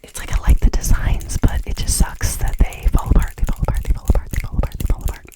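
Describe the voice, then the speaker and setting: A fast, whispered ASMR ramble in a casual, chatty manner, with words and phrases repeated over and over in quick runs. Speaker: ASMR creator.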